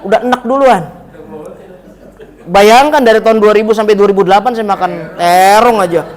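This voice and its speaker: A man's voice: high voice, fast. A man teaching a religious study class in a mosque, with a humorous, anecdotal manner, turning often to the listeners as Pak and Bu. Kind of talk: mosque study-circle lecture.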